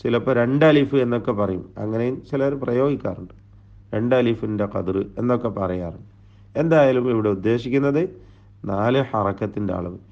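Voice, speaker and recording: A man teaching a recitation lesson, explaining terms slowly and drawing out the recited words. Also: mid-range voice, lo-fi sound. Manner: slow, deliberate explaining with drawn-out recited terms. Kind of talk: tajweed lesson lecture.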